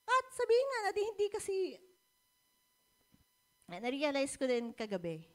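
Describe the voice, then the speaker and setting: A woman's voice: sits high, moderate pace. A woman with a Filipino accent preaching a church sermon, mixing Tagalog and English, often asking the congregation "di ba?" and laughing between points. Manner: animated, often asks the congregation "di ba?".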